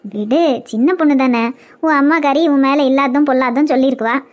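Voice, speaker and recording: A woman's voice: high-pitched, a little fast, muffled recording, close to an everyday voice. A woman voicing an older aunt in a cartoon, a caring but scolding elder with a Kanyakumari Tamil accent. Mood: bossy, caring. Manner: bossy, coaxing, scolding. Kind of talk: cartoon web series voice acting.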